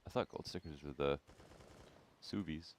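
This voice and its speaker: A man's voice: rumbling low, moderate pace. A man chatting casually as a commentator on an esports broadcast. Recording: clear game gunfire and clicks behind. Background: video game gunfire.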